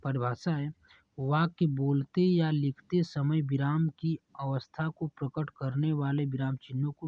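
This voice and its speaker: A man who teaches, reading exam answers aloud in a steady dictation-like way and correcting himself now and then. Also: medium pitch, no room sound, highs cut off.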